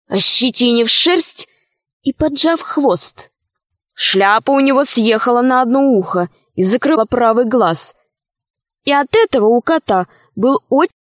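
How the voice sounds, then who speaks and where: A woman with a high, bright voice reads a children's storybook aloud, lively and expressive. The recording is close and very dry, with no room around it. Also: dry recording. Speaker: narrator. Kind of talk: storybook reading.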